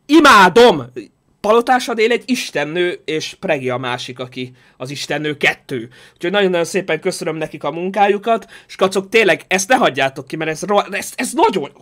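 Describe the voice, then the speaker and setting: A man live-streaming a game in casual chat, joking and thanking viewers for donations. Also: high voice. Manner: animated, jokey, reads and thanks donations.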